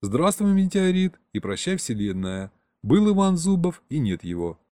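A man narrating a first-person audiobook with lively, ironic storytelling. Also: on the high side, moderate pace, dry recording.

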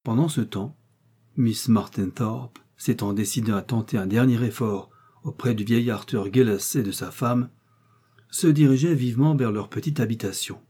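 Husky, mellow male audiobook narrator. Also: mid-range voice, moderate pace. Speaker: audiobook reader. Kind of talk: scripted narration.

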